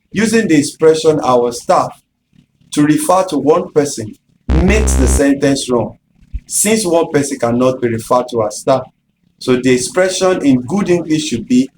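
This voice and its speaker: A man teaching English grammar in a measured, explanatory way, speaking directly to viewers. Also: medium pitch, a little mellow, slight background noise, low-quality recording. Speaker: English tutor. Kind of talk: scripted grammar lesson.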